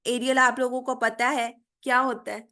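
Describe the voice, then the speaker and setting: A woman teaching a spoken English lesson in Hindi, enunciating English example words slowly and often asking "theek hai?". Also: fairly high pitch, flat delivery, bright, forceful tone. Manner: frequent "theek hai?" check-ins and "uh" fillers. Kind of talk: online spoken English lecture.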